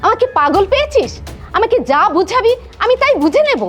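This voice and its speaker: A woman's voice: extremely high pitch, big pitch swings, a little fast, fairly bright tone, faint music behind, exaggerated voice. A woman with a Bangladeshi accent playing a harsh, accusing middle-aged mother-in-law in a melodramatic film, scolding and haranguing. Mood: angry, accusing. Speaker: actor. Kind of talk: melodramatic short film acting.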